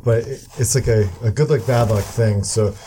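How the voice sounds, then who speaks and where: A man with a very dark, mellow voice speaking in casual conversation. He explains haltingly, trailing off and pausing on fillers as he recalls details. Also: lowish voice, fairly even intonation, a little hiss or hum. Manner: halting, searches for words with many fillers. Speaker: guest. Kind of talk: casual chat.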